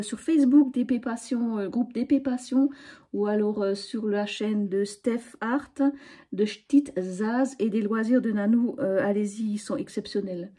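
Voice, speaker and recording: Woman, middle-aged, mellow tone, rambling casual vlog chat. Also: medium pitch, slightly rough. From Alsace, France. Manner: chatty and rambling, with frequent hesitations. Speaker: craft vlogger. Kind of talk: casual spring tag chat.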